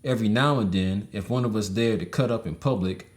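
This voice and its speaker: A man reads a memoir aloud, his voice sitting somewhat low. The delivery is measured and steady, like a careful audiobook reading. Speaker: audiobook reader.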